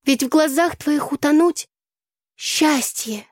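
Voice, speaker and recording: A woman's voice: high-pitched, slow pace, dry recording, clean studio sound, pitched above the performer's own voice. Woman voicing a sarcastic young drama student. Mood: declaiming. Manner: theatrical declaiming, sarcastic. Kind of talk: audiobook character voice.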